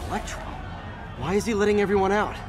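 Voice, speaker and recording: An American man playing a quick-witted young superhero in a video game, wry and quippy under pressure. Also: high-pitched, natural voice. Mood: dry. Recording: loud action music and engine noise.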